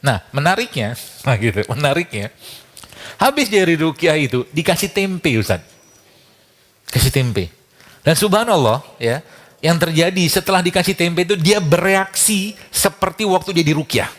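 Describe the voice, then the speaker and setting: A man's voice: a little high, expressive, normal speed, a bit bright. A man giving a casual talk full of anecdotes. He chuckles often and acts out the dialogue he quotes.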